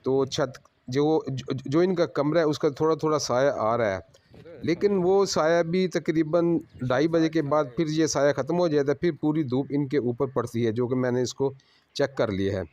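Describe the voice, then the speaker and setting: A man's voice: on the high side, a little mellow, muffled recording. Man explaining a solar install on site. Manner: plain, unhurried explaining to viewers. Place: at a house during installation work.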